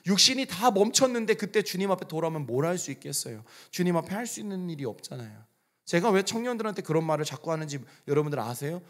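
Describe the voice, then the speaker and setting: A man preaching a sermon as pastor, earnestly, swelling loud on his appeals and dropping to soft, almost whispered lines. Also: on the high side, animated, fast talker. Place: church sanctuary.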